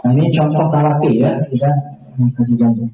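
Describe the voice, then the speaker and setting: A man's voice: mid-range voice, fairly quick, dark tone. A man teaching adults to recite the Quran, patiently asking the class questions and modeling the Arabic sounds for them to repeat. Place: large echoey hall. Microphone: far from the mic. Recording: very echoey, distant hall recording.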